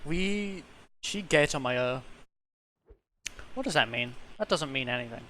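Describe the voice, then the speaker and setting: A man's voice: medium pitch, lively intonation, a little slow, bright, forceful tone, a little hiss or hum. A man streaming a game, chatting casually and rambling in silly, playful nonsense.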